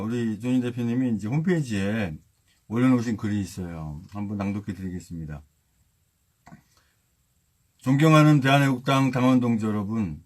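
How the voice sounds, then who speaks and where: A man with a medium-pitched voice acts as host. He comments briefly and reads a formal political statement aloud.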